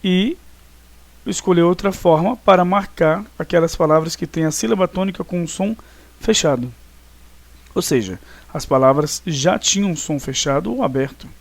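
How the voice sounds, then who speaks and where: A man's voice: a little high, moderate pace, creaky, no room sound. Man teaching a grammar lesson. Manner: explanatory, asks questions and answers them, frequent "tá?" and "né?". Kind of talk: recorded online grammar lesson.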